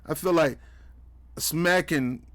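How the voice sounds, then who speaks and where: Male commentary host, slightly high voice, preachy and mocking. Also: slow. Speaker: commentary host reacting to clips. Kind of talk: heated political commentary.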